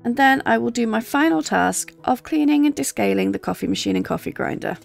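A woman narrates a home cleaning vlog in a gentle, chatty way. Her voice sits a little high with a gravelly fry at the ends of phrases, and soft music plays underneath. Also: animated, fairly quick. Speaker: cleaning vlogger. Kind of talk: calm voice-over narration. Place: home kitchen.

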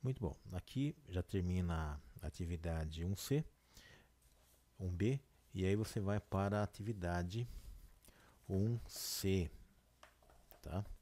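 A Brazilian man teaching a casual lesson, explaining slowly and often checking in with the listener. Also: sits low, warm tone. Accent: Brazilian Portuguese. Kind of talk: casual classroom lesson video.

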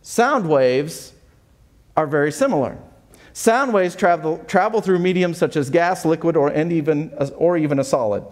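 A man's voice: a little high, lively intonation, normal speed. A man preaching a sermon as pastor, reading scripture aloud with earnest, self-correcting asides.

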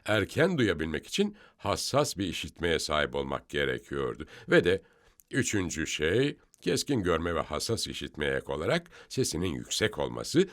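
A low-voiced man leads a scripture study discussion as a Bible teacher, explaining each passage step by step. His tone is fairly bright, and his pitch rises and falls a lot as he stresses points, sounding emphatic and instructive.

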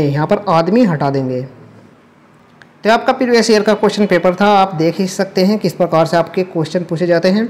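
A man's voice: sits high, darkish tone. A man teaching a lesson, going through a past exam paper step by step and patiently repeating each correction, with English terms mixed in. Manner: step-by-step explaining, mixes English terms into Hindi.

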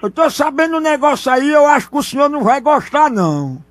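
A man's voice: very high voice, sing-song, fairly quick, no echo. A man voicing a nervous, stammering male prank caller in a radio prank call. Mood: hesitant. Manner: stammering, hesitant, teasing.

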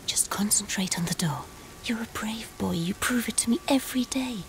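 An actress playing a protective mother in a video game, in whispered role-play, urging her children on softly. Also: on the high side, moderate pace, slight background noise, natural voice. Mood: soothing. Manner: urgent, soothing whisper.

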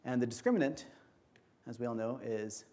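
A man lectures at a conference in an auditorium, his voice mellow and relaxed at a middle pitch. He explains each step in a measured, patient way.

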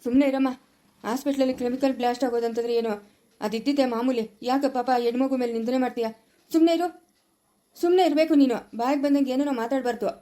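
A woman's voice: a little high, fairly even intonation, fast talker, warm tone, natural voice. A woman playing a worried father who consoles his wife and scolds his daughter in an amateur family drama. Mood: stern.

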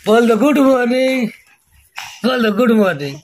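A man's voice: extremely high pitch, lively intonation, normal speed. A man chatting casually to his viewers in a home vlog, recorded on a handheld phone at home. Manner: chatty, keeps addressing viewers as friends. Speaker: family vlogger.

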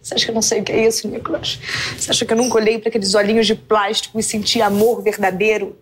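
A man's voice: high-pitched, little pitch movement, racing, natural voice. A Brazilian man playing a melodramatic, anguished hospital medic in a sketch comedy parody of medical drama. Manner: overwrought, dramatic.

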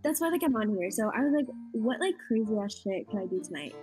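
A woman's voice: fairly high pitch, animated, fast talker, music in the background. A woman in her twenties chatting on a webcam, giggly and chatty, filling her talk with "like". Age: 20s. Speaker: stranger on a video chat site. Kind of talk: casual video chat. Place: indoor room.

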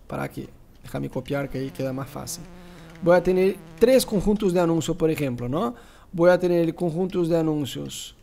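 A Rioplatense-accented man sits at his screen and walks viewers through a live online class, his voice riding fairly high. He teases his listeners and throws in rhetorical asides as he explains each step. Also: moderate pace, creaky, slight background noise. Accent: Rioplatense Spanish. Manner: animated, teasing, rhetorical asides. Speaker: pastor teaching church advertising.

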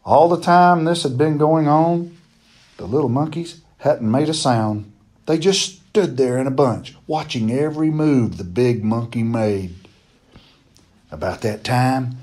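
A man reading a children's novel chapter aloud in a steady, plain storytelling manner. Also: mid-range voice.

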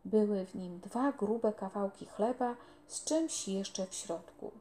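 A woman reading a children's novel aloud in a calm, unhurried way. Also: medium pitch. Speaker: storyteller.

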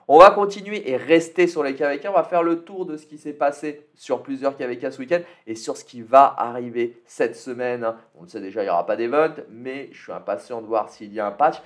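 A man with a mid-range voice chats casually over a strategy game, thinking out loud and sprinkling in little fillers. He's from France and talks straight into a desktop mic. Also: medium pitch. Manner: chatty, thinks aloud with fillers and tag "hein". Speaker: gaming YouTuber.

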